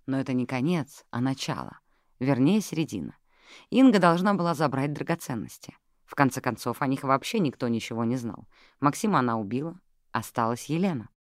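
An audiobook narrator reading a detective novel with a steady, even delivery. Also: mid-range voice, a little fast, dry recording, studio quality. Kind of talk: scripted narration.

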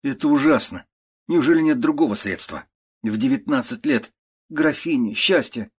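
A man reading a storybook, voicing a pleading, agitated young nephew in a raised, higher voice. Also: animated, quick pace, slightly rough. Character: nineteen-year-old nephew, anxious, pleading, desperate.

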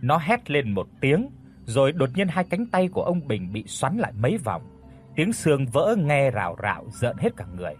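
A man narrating a horror audiobook in a dramatic, expressive storytelling voice. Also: mid-range voice, moderate pace, faint music behind.

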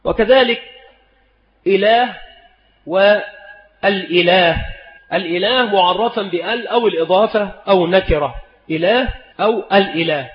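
A man with a rather high voice teaches a lesson and draws out each example word slowly and deliberately. His voice carries a long echo in a large hall. The recording sounds dull and lo-fi. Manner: slow, deliberate, spells out examples. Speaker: Islamic scholar teaching spelling rules.

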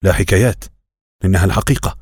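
A man voicing a weary male prisoner who speaks quietly and tiredly in an audiobook. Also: sits low, rapid-fire, slightly rough, no room sound, studio quality.

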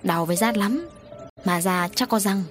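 A woman's voice: medium pitch, moderate pace, soft background music, close to an everyday voice. A woman voicing a frightened, injured male dock worker who speaks in a trembling, hesitant way, in an audio story.

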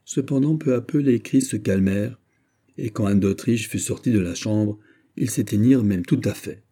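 Low husky male audiobook narrator. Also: dark tone. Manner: measured, literary. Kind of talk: scripted narration of a classic novel.

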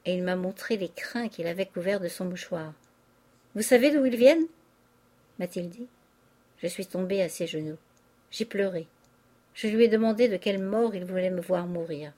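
A woman's voice: fairly low pitch, moderate pace, pauses often, dark tone, lightly acted. A woman voicing a tearful young countess. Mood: distraught. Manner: tearful, pleading confession. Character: distraught young aristocratic wife, confessing. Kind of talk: audiobook character reading.

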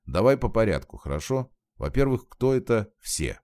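A gentle, methodical young woman soothing a friend, as a man reads her lines in a storybook. The deep voice lifts a little for her. Dry, close sound. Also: very animated, moderate pace, no echo. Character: calm, reasoning young woman.

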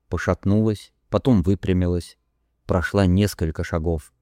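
A man narrating an audiobook in the first person, measured and grave, on a close studio mic. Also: sits low, warm tone, no room sound.

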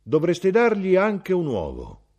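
Brisk village mum, a guy doing her voice, slow and emphatic, raised up, a bit husky. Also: sits high, huge pitch swings, a little mellow, dull audio, pitched above the performer's own voice, exaggerated voice. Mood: firm, brisk. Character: brisk village nurse mother, middle-aged woman.

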